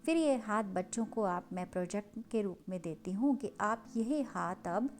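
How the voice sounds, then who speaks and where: A woman teaching a lesson on Hindi vowel signs, stretching each sound out slowly for children to copy. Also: mid-range voice, expressive, a little mellow. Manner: slow, drawn-out pronunciation of sounds for children.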